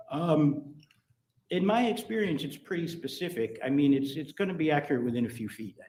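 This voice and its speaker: A man giving technical expert testimony in court, measured and halting with frequent ums. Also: on the high side, a little mellow. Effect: courtroom recording. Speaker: expert witness on phone and vehicle location data. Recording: echoey courtroom audio from a distant mic.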